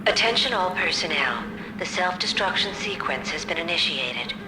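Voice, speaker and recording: A woman voicing the formal emergency announcer of a secret complex, heard over a factory loudspeaker and repeating her warning. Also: lowish voice, lively intonation, moderate pace, noisy background. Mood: urgent formal. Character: calm female PA voice of a secret complex. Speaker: facility alarm announcer. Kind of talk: video game voice acting. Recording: echoey loudspeaker over loud gunfire.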